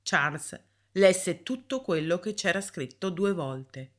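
A woman reading a story aloud in a calm, measured way. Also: on the low side. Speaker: narrator.

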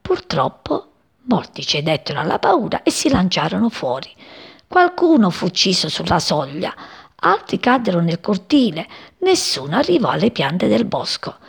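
Gravelly, animated woman reading a story. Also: mid-range voice, moderate pace. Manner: expressive, voicing many characters. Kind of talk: storybook read-aloud.

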